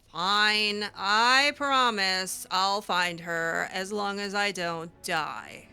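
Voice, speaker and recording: In improvised in-character gameplay lines, a woman voices a game heroine with dry sarcasm and hesitation. Her clean, mid-range voice is creaky yet pushed and bright, and she draws out her words.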